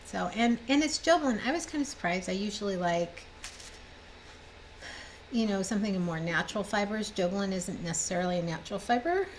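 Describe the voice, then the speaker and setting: In a casual show-and-tell at home among bookshelves, a cross-stitch designer and vlogger in her fifties talks brisk and expressive at a medium pitch. She's slightly congested but cheerful, rambling as she presents her projects. Poor audio carries a little hiss or hum.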